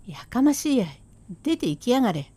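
A woman doing a gruff blustering Edo shopkeeper. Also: fairly high pitch, big pitch swings, brisk, dry recording. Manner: rough Edo slang, blustering then hushing. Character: swaggering Edo shopkeeper husband, gruff and defensive. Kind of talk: rakugo storytelling.

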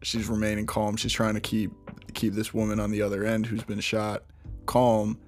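A man's voice: lowish voice, monotone, normal speed, soft background music. A man hosting a true crime podcast, recounting a case in a casual, conversational way with frequent restarts and asides. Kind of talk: casual storytelling narration.

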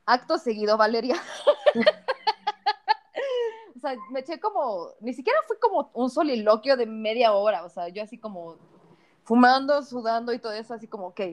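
A woman with a Mexican Spanish accent, co-hosting a casual podcast chat, slangy and quick to laugh as she tells stories. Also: on the high side, lively intonation. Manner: slangy, laughing storyteller, fills with "o sea". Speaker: podcast co-host.

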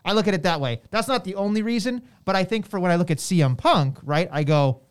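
A man's voice: high voice, lively intonation, fast talker, smooth. A man co-hosting a podcast in a casual, conversational way, repeating phrases as he reasons things out. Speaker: podcast co-host. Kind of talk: casual discussion of wrestling.

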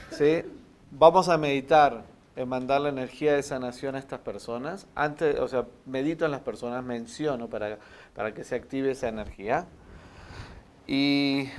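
A man's voice: mid-range voice, darkish tone. Patient man teaching a spiritual class. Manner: explains patiently, often checks with "¿sí?".

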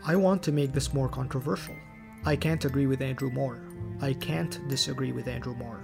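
A man with a deeply gravelly, fry-heavy voice hosts a solo teaching podcast. He explains church history calmly, with a lightly wry edge, at a middling pitch. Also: a little fast, over music. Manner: raised in the Coptic Orthodox Church. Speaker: podcast host.

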